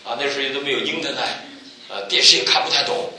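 A man giving a church testimony, telling stories with animated swings and loud exclaiming peaks. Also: medium pitch, fast talker, very echoey, far from the mic, a crowd in the background, poor audio. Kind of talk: sermon testimony.

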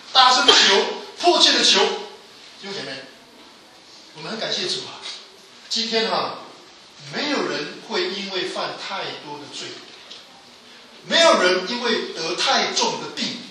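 A man preaching a sermon with emphatic delivery, his voice rising to loud pleas and falling low again. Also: a little hiss or hum. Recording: echoey hall from a distance.

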